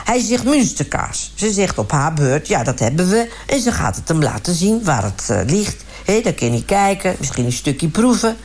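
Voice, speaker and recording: A woman's voice: lowish voice, sing-song, normal speed, few pauses, darkish tone, pitched below the performer's own voice. Woman doing a chatty self-righteous village man. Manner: rambling, indignant, repeats "hartstikke" and "gewoon". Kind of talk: comic radio sketch.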